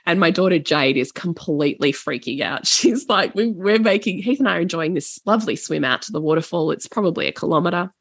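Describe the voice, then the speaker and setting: A middle-aged woman spins a rambling holiday story in easy, casual talk, now and then acting out the other people in it. Her voice sits a little low, and it is recorded close and dry, with no room sound. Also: a little fast, hardly any pauses, slightly rough, no room sound. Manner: animated, acts out voices in stories, swears casually. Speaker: podcast guest.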